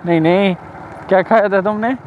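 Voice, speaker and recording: Casting: young Saraiki-accented man, high voice, playful teasing vlogger, muffled bike-cam audio with faint traffic. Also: steady tone, moderate pace. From Pakistan. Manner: teasing, repeats himself, calls out loudly. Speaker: motovlogger. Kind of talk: casual vlog chat. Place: riding a motorbike outdoors in town.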